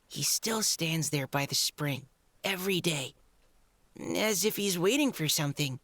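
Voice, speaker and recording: A woman voicing an earnest, excitable young mapmaker in a video game, stumbling over words when flustered. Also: lowish voice, slight background noise.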